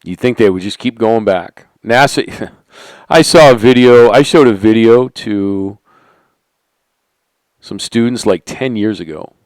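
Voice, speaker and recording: A middle-aged man holding a conspiratorial monologue, asking rhetorical questions and sinking into quiet asides. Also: lowish voice, a little slow, long pauses, no room sound. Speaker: channel host. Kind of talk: monologue to camera.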